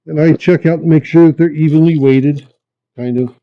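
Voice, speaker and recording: A man giving a folksy, unhurried hands-on demonstration, thinking aloud, his voice muffled by a camera microphone. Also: a little high, steady tone. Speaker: host of a rock tumbling hobby channel. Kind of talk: casual hands-on demonstration talk. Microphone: camera's built-in microphone.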